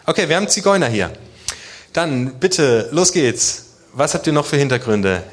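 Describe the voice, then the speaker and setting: A German man gives a sermon to his congregation in a relaxed, conversational style, frequently asking rhetorical questions. His voice is medium in pitch and animated, and he speaks at a normal pace.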